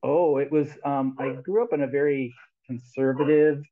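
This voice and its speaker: Through headphones on a tinny, phone-like video call, a man in his sixties from the United States talks casually as a guest musician. He speaks at a moderate pace with medium pitch and fairly even intonation, rambling with many restarts and frequent laughs.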